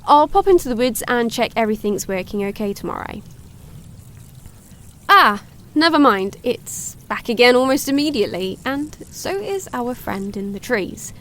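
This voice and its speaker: An actress playing a cheerful young woman hosting a woodland wildlife livestream, chatty and excitable. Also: on the high side, normal speed. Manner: chatty, excitable, gasps at sightings. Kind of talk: audio drama, chatty live-stream narration.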